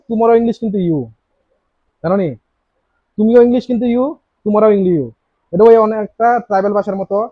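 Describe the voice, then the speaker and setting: High-voiced male grammar teacher. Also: no echo. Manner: asks students many rhetorical questions; repeats key words. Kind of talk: classroom grammar lesson. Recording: dry, slightly dull lo-fi sound.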